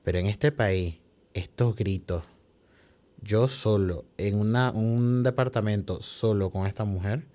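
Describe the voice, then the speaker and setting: A man's voice: lowish voice, unhurried, darkish tone. A young man from Venezuela with a Venezuelan Spanish accent, a podcast guest telling a personal story emotionally, with many restarts and asides.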